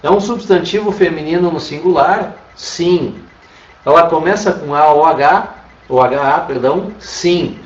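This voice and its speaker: Brazilian teacher, roomy distant sound. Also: male voice, fairly high pitch, measured pace, highs cut off. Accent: Brazilian Portuguese. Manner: patient, repeats "tá?" often. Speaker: Spanish teacher. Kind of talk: online class lecture.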